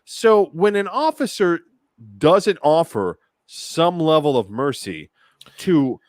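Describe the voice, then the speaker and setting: A man's voice: on the high side, sing-song, slow pace, a little mellow, no echo, clean studio sound. A man co-hosting a podcast, talking casually with lots of stammering restarts. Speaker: co-host.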